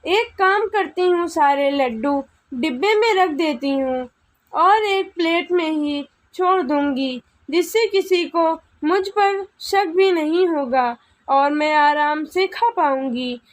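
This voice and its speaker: A woman voicing a sly, greedy young daughter-in-law in a storybook tale, with a very high, slow voice. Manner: sly, scheming.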